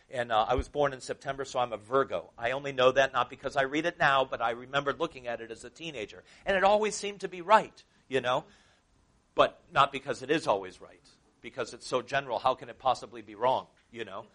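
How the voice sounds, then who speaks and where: A man's voice: a little high, fairly bright tone. Conversational man preaching a sermon. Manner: conversational, asks the listeners questions, dramatic paraphrase. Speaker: pastor. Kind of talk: sermon, reading and explaining scripture.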